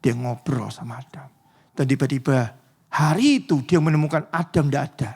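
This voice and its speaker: A man's voice: medium pitch, fairly quick, creaky, darkish tone, husky. A man preaching a casual sermon in church, joking with the congregation and often asking them to agree, sometimes dropping to a near whisper for dramatic moments. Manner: chatty, joking, often asks the congregation "betul ya?".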